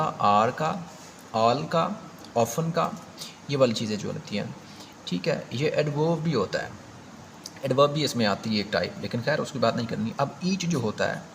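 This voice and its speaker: A man's voice: mid-range voice, creaky, slight background noise. A man with a Pakistani accent teaching an exam prep grammar lesson, explaining step by step and repeating key points with emphasis.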